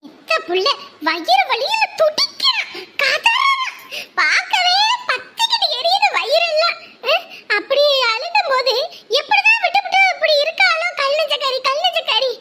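A woman's voice: extremely high pitch, reverberant. A woman playing an older, doting grandmother who grumbles and laments at her daughter-in-law. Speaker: grandmother in a family comedy. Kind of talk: village family comedy acting. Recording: loud background noise.

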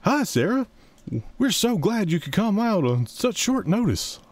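A man voicing an adult mother who hires a babysitter, in a high strained falsetto while reading game dialogue aloud. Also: big pitch swings, a little slow, no echo. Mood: polite.

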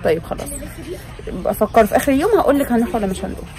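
A woman's voice: fairly high pitch, lively intonation, racing, crowd noise. An Egyptian woman, a mother vlogging with her family, talking in a coaxing, insistent way. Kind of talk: casual family vlog chat.

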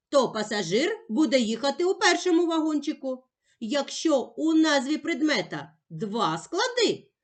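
A woman teacher giving a slow, clearly articulated lesson for young children. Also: high-pitched.

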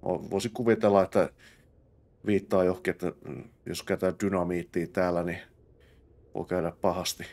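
A young man from Finland hosts a let's play, commenting casually, muttering to himself and exclaiming loudly in fights. His voice is low and a little mellow, with fairly even intonation.

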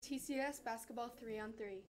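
A teenage girl reading school announcements in a small school studio, with a steady read and small restarts. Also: fairly high pitch, moderate pace, slight background noise, rough recording. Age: teens. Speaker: student announcer.

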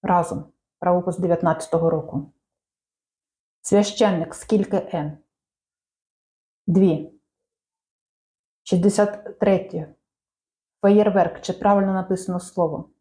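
A woman reading out language quiz questions and answers in a measured, clear teaching manner. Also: on the low side, fairly even intonation, mellow. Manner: measured, clear dictation-like delivery.

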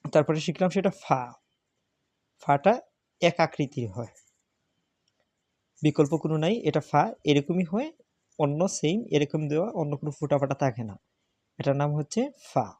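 A man's voice: a little high, normal speed, pauses often, a little mellow, no echo. Man, patient tutor, repeats letter names, dry recording. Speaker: Arabic alphabet teacher. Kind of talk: step-by-step spoken lesson.

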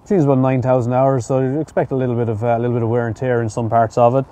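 Outdoors at an auction yard, a middle-aged equipment inspector walks through machine reports on site. His mid-range, dark voice barely shifts in pitch as he speaks very fast, staying practical and tending to repeat words.

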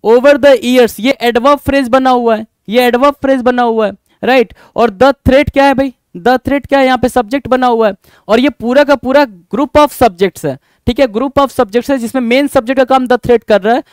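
A young Indian man with a very high-pitched voice teaches English grammar in a live online exam-prep class at a moderate pace. He calls his students "bhai," repeats his points, asks rhetorical questions, and answers chat comments by name. The recording is clean studio quality with no echo.

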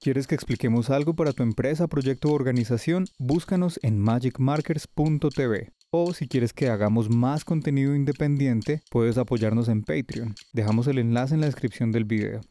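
A man's voice: medium pitch, normal speed, hardly any pauses, mellow. Wry man narrating a language explainer. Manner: playful, wry delivery with mock questions.

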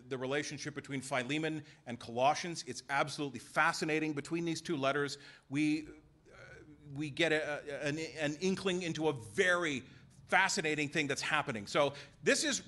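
A man preaching a sermon in a church, emphatic and full of rhetorical questions and quick voiced asides. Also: fairly high pitch, pushed and bright. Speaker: pastor. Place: church sanctuary.

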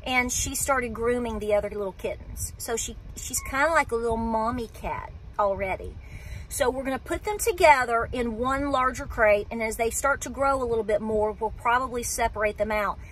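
Holding her phone camera at arm's length in a parked car, a homestead vlogger talks casually and rambles, often interrupting and restarting her sentences. Her fairly high, fairly bright voice moves at normal speed, and the rough recording has a little hiss or hum.

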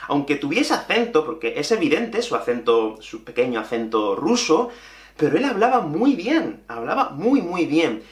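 Animated Andalusian teacher in an echoey room. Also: male voice, a little high. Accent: Andalusian Spanish. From Andalusia, Spain. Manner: animated and emphatic, repeating key points. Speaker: Spanish teacher. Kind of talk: lively video lesson.

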